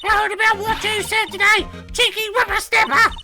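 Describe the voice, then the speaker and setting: A woman's voice: very high voice, flat delivery, brisk, vocal fry, voice pushed up. A woman voicing a cranky old woman guard who scolds and rants in a screechy voice. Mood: ranting, scolding. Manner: scolding, ranting. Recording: game music behind.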